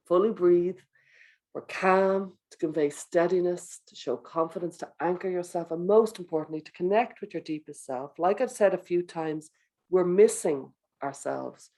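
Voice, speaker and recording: In a gentle, coaching manner, this speaker gives a wellbeing talk to teachers and guides them through breathing exercises. The voice sits in the mid range, and inner thoughts are acted out in quoted voices.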